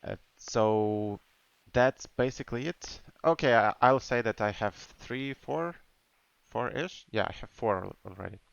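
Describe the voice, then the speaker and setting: A man's voice: medium pitch, measured pace, creaky, clear, resonant tone, dry recording, highs cut off. A man in his twenties from Ukraine, in English, hosting a casual podcast chat. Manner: chatty, nonnative English with restarts. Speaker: podcast host.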